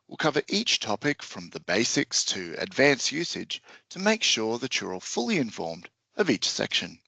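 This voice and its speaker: A man hosting a software webinar in a friendly, upbeat, scripted way. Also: on the low side, creaky, no room sound. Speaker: webinar host.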